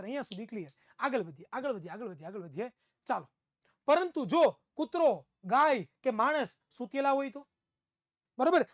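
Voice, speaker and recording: A man's voice: very high-pitched, no room sound, studio quality. A male science teacher, giving an online class in a playful way, repeating phrases and acting out students' replies.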